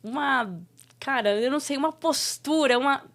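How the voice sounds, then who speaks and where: A woman's voice: high-pitched, moderate pace, fairly bright tone. A woman hosting a casual interview, asking friendly, encouraging questions with frequent tag questions. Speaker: host.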